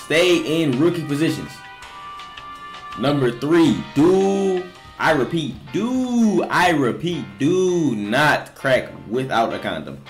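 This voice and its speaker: Young guy streamer talking like a frat bro, real animated pitch, slangy and crude, music faintly behind. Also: takes it slowly. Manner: frat-bro talk, crude and jokey, peppered with "bro"; animated, emphatic, repeats himself for effect. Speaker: streamer reacting to viewer confessions. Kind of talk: casual livestream chat, slangy.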